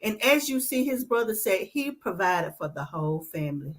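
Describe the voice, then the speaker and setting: A woman's voice: medium pitch, very animated, normal speed. A woman hosting a casual talk show, chatting loosely about the news. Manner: reads a letter aloud; loose, conversational. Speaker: podcast host. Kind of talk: casual chat.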